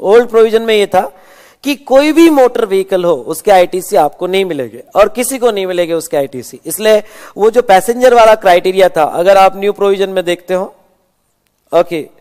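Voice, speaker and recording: A man's voice: sits high, animated, normal speed, darkish tone, clean tone, long reverb tail. A man giving an exam revision lecture, calling students "beta" and repeating points with frequent "okay". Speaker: teacher.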